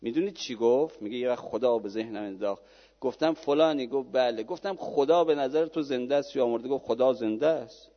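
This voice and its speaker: A male cleric preaching a sermon and telling stories, swinging from hushed lines to loud fervent ones. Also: mid-range voice. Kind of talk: sermon with storytelling. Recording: dull lo-fi recording with long reverb.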